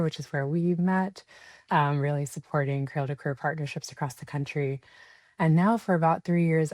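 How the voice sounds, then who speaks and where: A woman's voice: low voice, darkish tone, no room sound, clean studio sound. A woman in her thirties, a podcast guest speaking reflectively with many fillers. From United States. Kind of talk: podcast interview.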